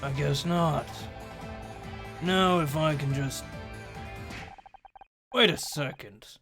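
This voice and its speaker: A man reading a blunt, skeptical game detective in his own everyday voice, with a creaky edge. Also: on the high side, slow pace, over music. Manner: read plainly in the performer's own voice.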